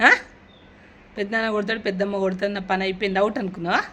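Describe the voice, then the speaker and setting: A woman's voice: mid-range voice, flat delivery, rapid-fire, dull audio. A woman, teasing and coaxing a kid after a prank, pressing him with questions. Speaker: prank vlogger. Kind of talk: casual teasing chat.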